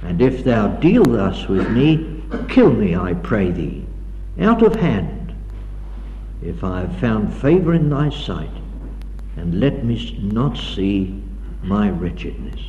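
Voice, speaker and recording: Old 60s tape of a guy preaching in a big echoey hall, slow dark voice, dull sound. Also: lowish voice, sing-song, a little hiss or hum. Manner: dramatic, declaiming reading of scripture. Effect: old 1960s tape recording. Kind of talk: sermon with scripture reading. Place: lecture hall.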